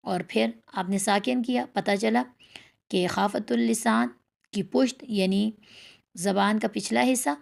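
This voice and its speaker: A woman teaching a tajweed lesson, repeating letter sounds slowly and drawn out as she explains how to pronounce them. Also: mid-range voice, fairly even intonation, gravelly. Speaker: Quran recitation teacher.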